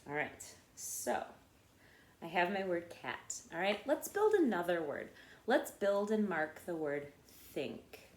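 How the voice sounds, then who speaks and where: Woman, teacher, phonics lesson, slow step-by-step delivery, repeats words aloud, echoey room. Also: fairly low pitch, sing-song.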